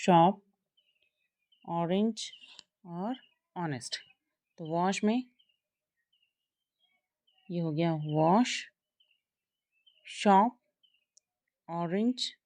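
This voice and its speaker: Woman teacher, patient, repeats each word, slow and mellow, dry close sound. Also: on the low side, dry recording. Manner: patient, repeats example words slowly with frequent "okay". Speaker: English teacher. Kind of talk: classroom phonetics lesson.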